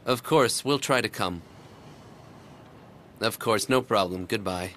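A man's voice: fairly low pitch, takes it slowly, a bit bright, slight background noise. An actor dubbing a reserved, guarded young man who speaks briefly in a drama. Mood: polite. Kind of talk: dubbed drama. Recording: music score underneath.

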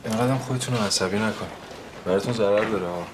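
A man's voice: lowish voice, background noise, close to an everyday voice. An actor playing a considerate, respectful working man in a screen drama, speaking in an understated way. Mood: calm, preoccupied. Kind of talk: naturalistic screen drama acting.

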